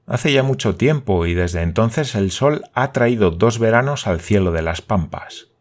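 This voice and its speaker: A man voicing a grave, solemn native guide who answers slowly and tersely. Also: fairly low pitch, expressive.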